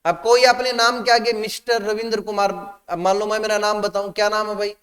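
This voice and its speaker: Guy teaching class, high voice, echo hanging in the room. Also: level tone, a little fast, a bit bright, clear, resonant tone. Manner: questions the class, mixes Hindi and English. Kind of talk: classroom lecture.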